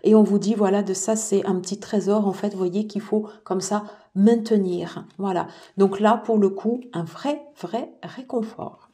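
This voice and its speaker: A woman giving a casual tarot reading to her viewers, soft-spoken and peppered with fillers like "voilà" and "alors". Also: medium pitch, measured pace, hardly any pauses. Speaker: tarot reader.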